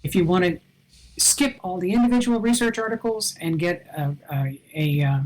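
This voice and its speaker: A woman's voice: on the low side, moderate pace, a little mellow, low-quality recording. An older woman giving an online conference talk, earnest and advising, with self-deprecating asides, heard over a video call. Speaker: conference presenter.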